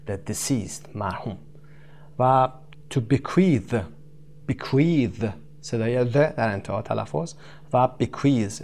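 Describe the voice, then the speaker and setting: A man gives a vocabulary lesson at a medium pitch. He says each English term slowly and carefully, then explains it in a rapid stream with hesitant fillers. A faint hum runs under the recording. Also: a little mellow. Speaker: English teacher.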